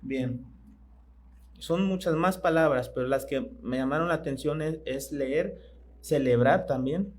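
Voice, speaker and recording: A man preaching a sermon in church, speaking conversationally and asking his congregation questions that he pauses to let them answer. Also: fairly high pitch, a little mellow, rough recording.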